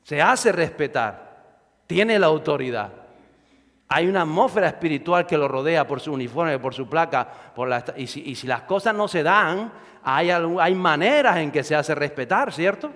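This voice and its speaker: Male pastor, conversational sermon full of rhetorical questions; slightly high voice, church-hall echo. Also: lively intonation, moderate pace, a bit bright.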